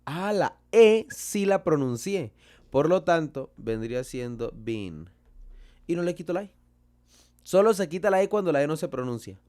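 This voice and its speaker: A man with a Colombian Spanish accent teaching a lesson, slow and deliberate, asking and answering his own questions. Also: on the high side, very animated, darkish tone. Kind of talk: explaining a lesson.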